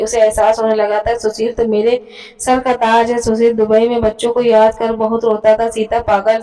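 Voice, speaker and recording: A woman reading a sad family story aloud in an even, plain way, stumbling and restarting now and then. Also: on the high side, distant mic, low-quality recording.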